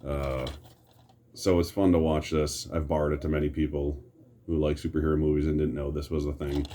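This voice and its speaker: A man's voice: a bass voice, flat delivery, brisk, dark tone, a little hiss or hum. A middle-aged American man giving casual, rambling commentary in an opinionated, grumbling back-in-my-day rant with some mild swearing. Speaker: host reminiscing about superhero films.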